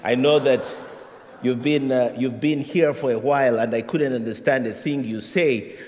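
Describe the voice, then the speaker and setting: A man's voice: mid-range voice, steady tone, moderate pace, darkish tone, long reverb tail. A middle-aged man with a Ugandan accent preaching a sermon as associate rector, with a humorous, conversational delivery. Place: church sanctuary.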